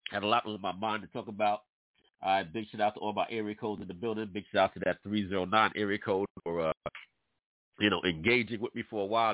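With a lowish voice stuffed up by allergies, a New York man addresses his internet radio audience in an animated, preachy, conversational monologue. Everything is captured dry, with a tinny, phone-like tone.

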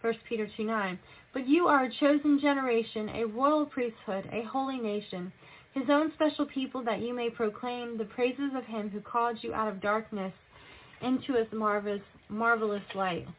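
This woman's fairly high voice moves at a moderate pace, with a little hiss or hum in the tinny, phone-like narrow-band recording. A self-styled prophetess, she delivers a message as God through prophetic proclamation and scripture reading, solemn and admonishing, posing rhetorical questions.

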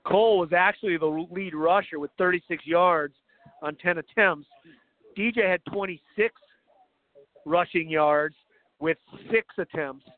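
A male sports host gives live halftime commentary in a high-pitched voice. He sets out figures and throws to colleagues. The sound is narrow and thin, like a cheap broadcast feed. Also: no echo. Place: outdoors at a football field.

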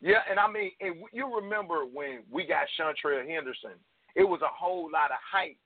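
A man's voice: on the high side, no room sound. A man calling in to a sports radio show over the phone, chatting casually and earnestly asking the host's opinion. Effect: heard over the phone. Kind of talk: casual call-in chat. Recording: tinny phone line, dry.

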